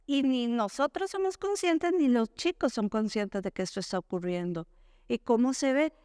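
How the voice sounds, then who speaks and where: Woman explaining, crisp clear voice. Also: animated, moderate pace, dark tone, dry recording, studio quality. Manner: explanatory, asks the audience questions and answers them; acts out quoted parents and children in a higher voice. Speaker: school talk speaker for parents. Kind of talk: educational talk to parents.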